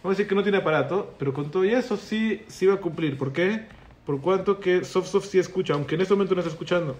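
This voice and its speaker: Guy teaching a law class, quizzes the room, slightly high voice, faint hiss behind. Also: fast, a little mellow. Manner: explains patiently, asks the class questions. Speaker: rabbi teaching halakha class. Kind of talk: Torah class with student questions.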